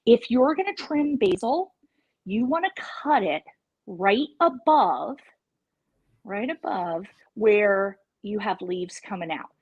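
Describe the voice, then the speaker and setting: A woman's voice: mid-range voice, animated, slow, breathy edge, lo-fi sound. A woman chef teaching a live virtual cooking class over a video call, chatty and playful in her instructions.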